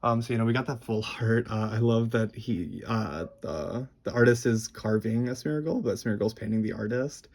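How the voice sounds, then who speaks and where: A young man with a lisp and a husky, creaky voice, rambling and halting through a casual, sweary show-and-tell. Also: lowish voice, a little mellow. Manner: rambling, halting, enthusiastic wording. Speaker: card collector presenting a collection.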